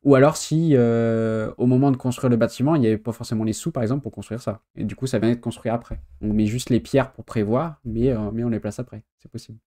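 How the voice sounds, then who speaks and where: Male streamer, warm dark tone, easygoing chat full of pauses and fillers. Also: medium pitch, fairly even intonation. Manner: hesitant thinking aloud, many fillers. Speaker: streamer reacting to a video. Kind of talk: casual chat.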